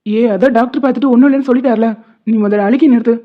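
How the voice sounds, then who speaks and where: A woman's voice: fairly high pitch, fairly even intonation, rapid-fire, natural voice. A woman voicing a stern middle-aged village-head husband who scolds and gives orders in a cartoon. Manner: scolding, commanding. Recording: tinny phone-like lo-fi sound.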